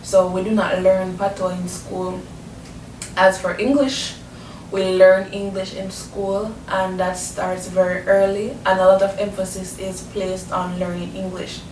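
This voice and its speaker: A woman's voice: little pitch movement, a little slow, a little mellow. A woman from Jamaica with a Jamaican accent, giving an explanatory educational talk as a presenter. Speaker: presenter explaining language and culture. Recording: roomy echo, distant mic, faint rumbling noise.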